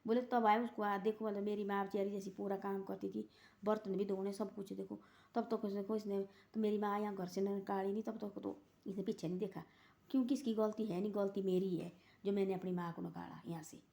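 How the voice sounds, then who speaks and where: A woman's voice: medium pitch, level tone, a little fast, creaky, dark tone. A woman telling a moral folk story in a rambling, casual way, repeating "she said" between quoted lines.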